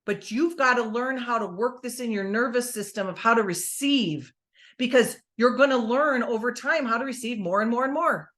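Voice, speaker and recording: A woman giving an energetic, emphatic motivational talk on a group call, asking her listeners questions. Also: a little high, moderate pace. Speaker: motivational speaker.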